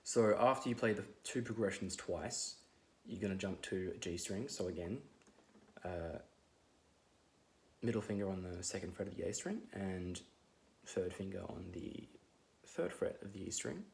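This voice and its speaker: A man with a hoarse voice giving a relaxed guitar lesson, rambling with many fillers as he explains the chords. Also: low-pitched, normal speed, a little hiss or hum. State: losing his voice. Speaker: guitar teacher. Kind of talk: casual guitar tutorial. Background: his own loud acoustic guitar playing.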